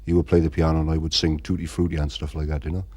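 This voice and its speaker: The band's frontman, a middle-aged Irishman, races through a casual interview in a bass voice with flat delivery and a slightly mellow tone. He rambles, leaning constantly on "you know."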